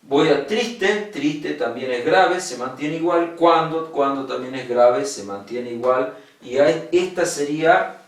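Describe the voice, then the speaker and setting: A man's voice: medium pitch, measured pace, distant mic. A male secondary school teacher, patiently giving an online lesson on poetic meter, repeating key words and checking that his students follow. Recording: echoey room, voice from off-mic.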